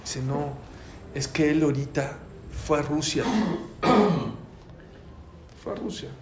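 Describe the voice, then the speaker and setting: A man with a Mexican accent telling a story in a talk, acting out the dialogue with lively changes of voice. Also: on the high side, takes it slowly, very noisy. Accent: Mexican Spanish. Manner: animated, acts out quoted dialogue. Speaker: speaker giving a talk. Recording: echoey room.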